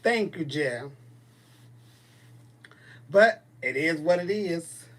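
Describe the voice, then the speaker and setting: A man's voice: fairly high pitch, animated, drawn-out words. A man in his forties hosting a casual livestream, chatting and answering viewer comments in a blunt, sassy way. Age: 40s. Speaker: livestream host. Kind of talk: casual live chat reading viewer comments.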